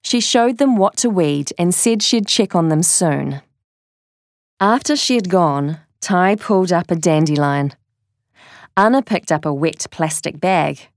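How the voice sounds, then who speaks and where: A woman reading a children's story aloud as narrator, slow and deliberate. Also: fairly low pitch, animated, no echo, clean studio sound.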